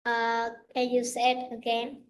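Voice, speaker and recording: A female student who answers her tutor slowly and hesitantly, starting with a hum before each reply. Her voice is flat and monotone, with almost no rise or fall in pitch. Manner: hesitant, short answers with fillers. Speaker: English student.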